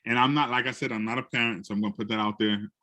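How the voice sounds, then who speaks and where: Talking very fast in a lowish voice, a man from the Bronx, New York, an educator and guest speaker, tells classroom stories conversationally. He animatedly acts out each quoted person in another voice.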